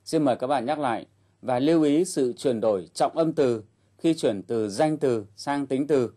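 A man leads an English lesson in a calm, explanatory voice. His tone is mellow and dark, and he guides listeners step by step. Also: mid-range voice, normal speed. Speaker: English teacher host. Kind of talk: instructional narration.

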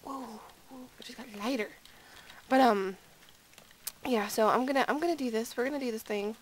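A woman's voice: a little high, a little fast, poor audio. Woman, sleepy late-night game commentary, rambling and giggly, faint hiss behind. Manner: rambling, giggly, self-deprecating. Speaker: gaming video creator. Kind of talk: casual gameplay commentary.

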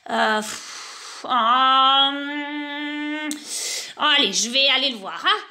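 A woman's voice: high-pitched, drawn-out words, pushed and bright, exaggerated voice. A woman voicing a grumpy, lonely old witch who sighs and mutters to herself. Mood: grumbling. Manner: grumbling, sighing, muttering "non, non, non".

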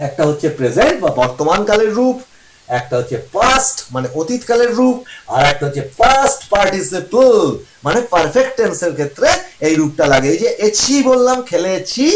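Male teacher, lively and high-pitched, keeps quizzing the class, echoey room. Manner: asks the class questions and answers them himself, repeats examples slowly. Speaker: English teacher. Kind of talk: classroom-style grammar lesson.

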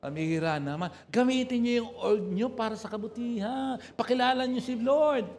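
A man in his sixties from Pangasinan, with a Pangasinan accent, preaching a lively call-and-response sermon and often laughing. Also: very high voice, moderate pace. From Pangasinan, Philippines. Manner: animated, teasing, laughs often. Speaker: pastor.

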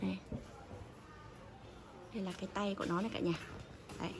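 Holding her phone as she films, a woman who sells bicycles gives customers a relaxed, courteous rundown of items and prices. Her mid-range voice is brisk and steady with vocal fry, and the recording is noisy.

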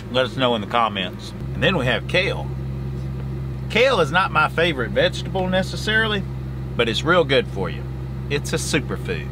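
A man in his 40s who vlogs about trucking chats in a lively, folksy way straight to a close handheld camera while cooking casually. His voice is a little high. The scene shifts from the truck's sleeper cab to a fuel stop outdoors, with heavy truck and road noise throughout.

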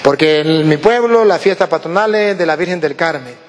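High-voiced Venezuelan priest telling a story. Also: male voice, normal speed, big-room sound. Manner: animated, acts out quoted voices. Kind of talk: storytelling testimony.

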